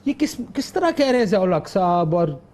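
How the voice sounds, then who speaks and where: A man's voice: sits high, very animated, a little fast, a little mellow. A male talk show host speaking conversationally and signing off formally. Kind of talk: current affairs talk show.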